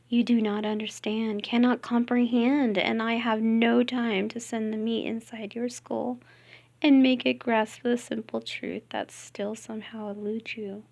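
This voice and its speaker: A woman voicing a cold, calm and condescending male ship computer in a novel reading. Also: a little high, creaky, pitched above the performer's own voice. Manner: quiet, measured, condescending.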